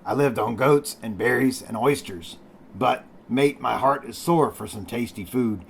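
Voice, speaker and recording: A man's voice: mid-range voice, vocal fry, slight background noise. A man doing Ben Gunn, a cracked old castaway sailor. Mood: pleading. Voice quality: cracked, rusty voice. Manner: slow, drawling sailor's speech. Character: ragged, half-wild old marooned male sailor.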